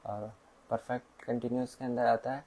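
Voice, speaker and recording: A young man reciting lesson answers in a halting, hesitant way. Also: mid-range voice, level tone, dark tone, rough recording. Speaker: student.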